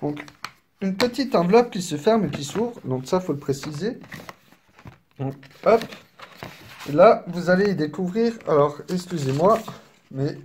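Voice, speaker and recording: A man casually presenting a collector's edition, chatty and apologetic, filling pauses with little interjections. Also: high-pitched, animated, darkish tone, slight background noise. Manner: unhurried, chatty, filler-heavy with frequent "hop" and "donc"; apologetic and self-deprecating. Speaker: unboxing video creator. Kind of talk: casual unboxing commentary. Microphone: camera mic, filming one-handed.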